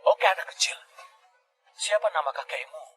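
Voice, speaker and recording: Arrogant thug boss, dubbed drama, husky voice, high and lively, sneering. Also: male voice, normal speed, faint music behind, exaggerated voice. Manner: sneering, then groveling.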